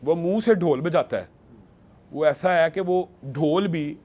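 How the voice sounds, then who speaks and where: A man's voice: fairly high pitch, a little mellow. A man speaking emphatically as a panelist in a studio discussion, quoting scripture to build his argument. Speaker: religious panelist.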